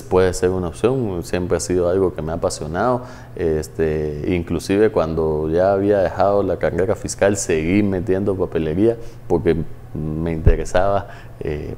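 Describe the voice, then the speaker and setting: A man in his thirties, a studio interview guest who explains in a measured way with many hesitant fillers. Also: sits low, mellow, a little hiss or hum. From Guatemala. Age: 30s. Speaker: guest, former tax agency head.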